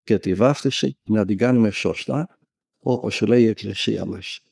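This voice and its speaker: A man's voice: on the low side, gravelly, darkish tone, husky, dry recording, studio quality. A man from Greece, a monk and spiritual elder, preaching a sermon and telling stories vividly, acting out the people he quotes. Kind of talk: spoken sermon.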